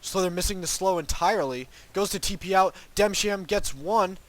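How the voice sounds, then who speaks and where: A young man with a cold, sounding congested, does solo play-by-play esports commentary on a video game match. His high, fairly bright voice moves at a moderate pace as he rambles and hedges with many ums and restarts.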